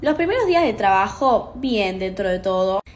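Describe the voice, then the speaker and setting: A young woman with an Argentine accent telling a work story in a rapid, chatty, slangy way. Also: mid-range voice, very animated, slight background noise. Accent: Argentine Spanish. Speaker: TikTok storyteller. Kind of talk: casual storytime monologue.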